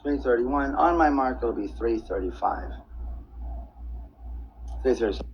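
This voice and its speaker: A man making a dictaphone-style spoken log of dates and times, halting and repetitive, often counting aloud. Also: mid-range voice. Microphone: tablet voice recorder. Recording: dull, noisy handheld voice-recorder sound.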